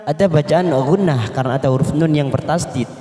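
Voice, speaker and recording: A man's voice: a little high, brisk, mellow. A man teaching Quran reading, over-enunciating each syllable as he explains and demonstrates melodic recitation. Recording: echoey room with long reverb.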